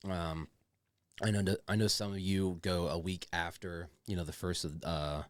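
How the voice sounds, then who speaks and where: A man's voice: sits low, steady tone, normal speed, dry recording, clean studio sound. A man hosting a casual podcast, rambling along in slangy, profane chat. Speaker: podcast host.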